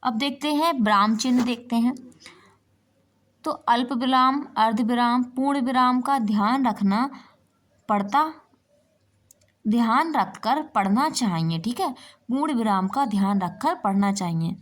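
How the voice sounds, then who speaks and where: A woman teacher explains an exam-prep lesson while writing on a board, often checking in with "ठीक है" and posing herself rhetorical questions like "क्या है". Her voice is fairly high, her pace measured, with long pauses.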